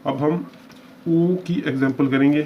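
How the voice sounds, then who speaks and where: Man teaching a slow, patient lesson. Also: on the high side, steady tone. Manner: explains patiently, often checks understanding. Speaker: shorthand teacher. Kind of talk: step-by-step lesson. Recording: dull lo-fi with faint hiss.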